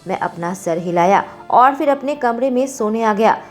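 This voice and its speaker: A woman storyteller reading a scripted story with steady, expressive narration. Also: on the high side, normal speed, faint music behind.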